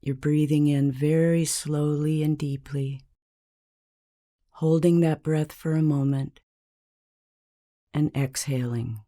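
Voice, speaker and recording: This is a woman leading a scripted guided meditation in a low, soothing voice. She keeps a calm, measured rhythm and lets long pauses hang.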